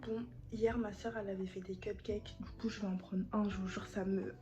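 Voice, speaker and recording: A woman's voice: mid-range voice, little pitch movement, fairly quick, warm tone. A woman, chatting casually as she vlogs. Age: late teens. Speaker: vlogger. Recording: muffled lo-fi sound, music behind.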